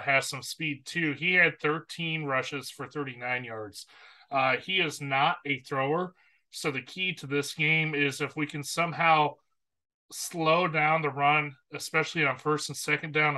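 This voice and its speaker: A man co-hosting a sports podcast with a slightly high, very sharp and bright voice. He talks casually but earnestly, backing his opinions with stats. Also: low-quality recording.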